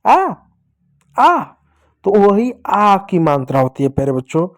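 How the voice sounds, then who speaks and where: A male teacher of young children gives a Hindi reading lesson in a playful, high voice. He sounds animated and keeps a moderate pace, saying "pyare bachchon" again and again and acting out cries to teach sounds.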